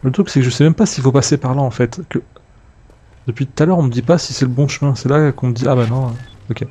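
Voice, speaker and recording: A man's voice: mid-range voice, fast, warm tone, breathy edge. A man casually commenting on his gameplay, chatting to viewers and muttering to himself. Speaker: let's play gamer.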